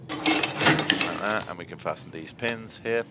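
Deep-voiced man narrating gameplay. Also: takes it slowly, very noisy. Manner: chatty, explains step by step with frequent "yeah?" asides. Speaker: game reviewer. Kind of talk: gameplay commentary.

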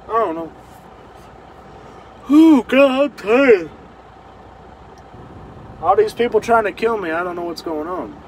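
High, animated trucker swearing. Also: male voice, measured pace, long pauses, slight background noise. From Kentucky. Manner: loud, swearing, joking, easily rattled. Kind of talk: profane running commentary.

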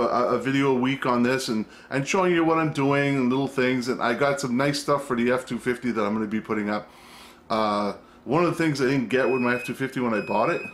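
A middle-aged man runs his own channel, chatting to the camera indoors at home in a loose, rambling way. He breaks off his own sentences, curses occasionally, and speaks with a medium pitch and fairly bright tone.

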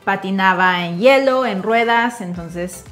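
A cheerful woman in her 30s with a Mexico City accent co-hosts a casual bilingual chat from her home kitchen, laughing often. She's a Spanish teacher with a mid-range, unhurried, fairly bright voice, recorded on a lapel mic with light music underneath.

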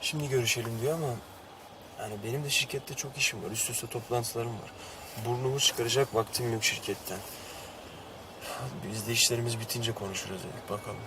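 An actor playing a caring young husband. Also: male voice, medium pitch, fairly even intonation, a little fast, background noise, natural voice. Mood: troubled. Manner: gentle, attentive, earnest. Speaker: husband and father. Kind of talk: TV drama acting.

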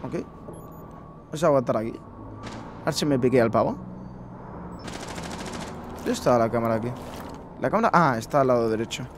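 A man's voice: medium pitch, lively intonation, moderate pace, long pauses, noisy background. A young man from Spain with a Spanish accent, ranting and swearing in casual commentary over his own gameplay. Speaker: gaming streamer. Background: game sounds.

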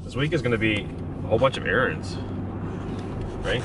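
A man in his thirties, medium-pitched and expressive at a normal pace, chats upbeat in a casual vlog about his family day. Holding the camera at arm's length, he films himself inside a family van and then in a living room, and the recording is very noisy.

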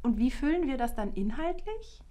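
A middle-aged woman, a professor, speaking in a lively scripted video trailer, recorded in a studio on a lapel mic. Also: high voice, moderate pace. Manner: lively, standing and gesturing while talking. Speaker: art education professor, keynote speaker.

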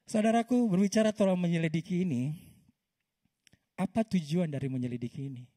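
During a church service, a pastor in his thirties preaches a sermon and shares a personal story with lively energy, often addressing the congregation as "saudara." His voice is mid-range and husky.

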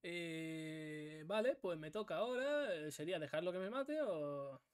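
A man commentating his own card game with swearing, sound effects and sudden shouts. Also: fairly high pitch, lively intonation, a little slow, clear, resonant tone. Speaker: gaming streamer.

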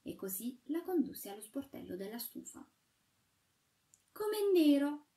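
Mellow-voiced woman reading a fairy tale. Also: medium pitch, big pitch swings, normal speed, recorded from a distance. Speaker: audiobook narrator. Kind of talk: scripted fairy-tale narration.

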